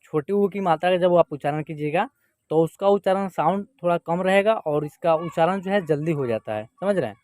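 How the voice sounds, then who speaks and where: A man's voice: a little high, darkish tone, dry recording. A man teaching Hindi reading in an online lesson. He sounds out words syllable by syllable and often checks that students follow. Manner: slow, drawn-out syllable-by-syllable reading; patient explaining with frequent check-ins.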